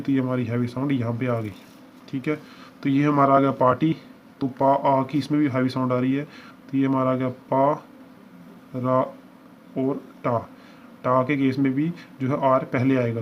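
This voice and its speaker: A man teaching a shorthand lesson, explaining each step patiently and repeating examples as he works through them. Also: medium pitch. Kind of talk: lesson walkthrough. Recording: dull lo-fi recording with faint hiss.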